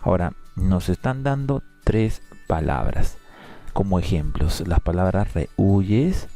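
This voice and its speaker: Man from Peru, teacher, low pitch, warm dark tone, patient and explanatory, soft music underneath. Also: expressive, slow. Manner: patient, explanatory, repeats words to show how they sound. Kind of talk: exam review lesson.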